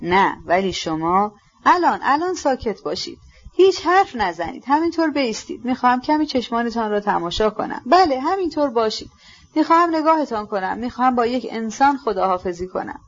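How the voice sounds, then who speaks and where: A woman's voice: fairly high pitch, animated, muffled recording. A woman reading aloud, voicing a feverish, sick young man who speaks urgently and pleadingly.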